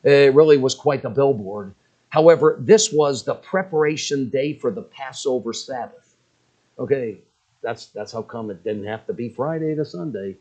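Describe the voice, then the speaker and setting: A man's voice: medium pitch, moderate pace, a little mellow, lo-fi sound. A man preaching a sermon with emphasis, throwing rhetorical questions to his congregation.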